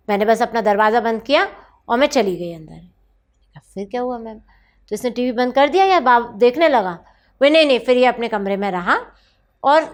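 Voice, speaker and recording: A woman counsellor recounting a session with a mother and child, acting out the dialogue and dropping to soft asides. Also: sits high.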